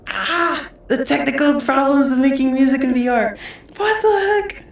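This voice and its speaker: Gravelly-voiced woman chatting on stream. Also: high voice, normal speed. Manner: chatty, laughs often, mutters to herself over technical glitches. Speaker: music composer live-streaming in VR. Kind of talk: casual live-stream chat.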